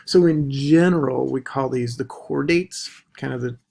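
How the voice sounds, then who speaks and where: A man teaching a recorded biology lecture, deliberately stressing the key terms. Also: medium pitch, vocal fry, darkish tone, breathy edge. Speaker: biology instructor.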